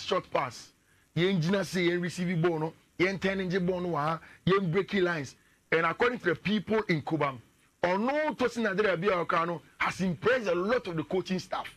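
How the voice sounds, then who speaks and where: A man in his thirties with a Ghanaian English accent giving animated football analysis in a radio studio, standing and gesturing at a screen. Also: sits high.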